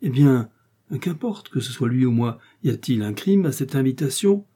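A man reading a brisk, commanding king. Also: mid-range voice, animated, mellow, slightly rough. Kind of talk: audiobook character reading.

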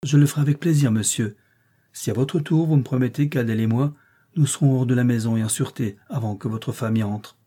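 A man's voice: mid-range voice, fairly quick, dark tone, husky, natural voice. A man reading a reserved young governess. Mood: firm. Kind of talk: audiobook reading.

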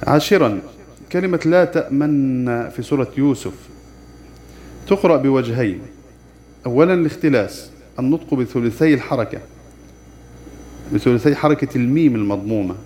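A man teaching the rules of Quran recitation, explaining plainly with pauses of "aah" and slowing down to chant the verses he quotes. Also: mid-range voice, lively intonation, a little mellow. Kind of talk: tajweed lesson with recited examples.

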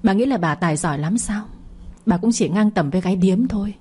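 A woman's voice: medium pitch, animated, a little fast, warm tone, husky. A woman reading the part of a cunning young man who taunts his stepmother in a mocking tone.

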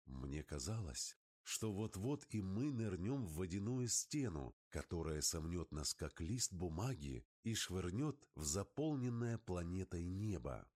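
A man giving an expressive first-person narration of an adventure story as an audiobook. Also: sits low, unhurried, husky.

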